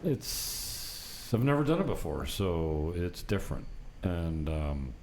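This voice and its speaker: A talk show host with a low, very animated voice speaks slowly on a casual, unscripted podcast recorded in an apartment set up for it. He rambles through anecdotes unfiltered, swearing mildly now and then. Background noise is noticeable.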